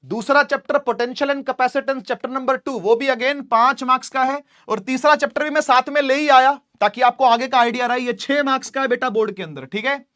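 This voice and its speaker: A man's voice: very high voice, steady tone, fairly quick, few pauses, pushed and bright, no room sound, clean studio sound. A man teaching a physics class online, chatty and repetitive, often checking that students follow. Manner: chatty, addresses students as beta, repeats "theek hai".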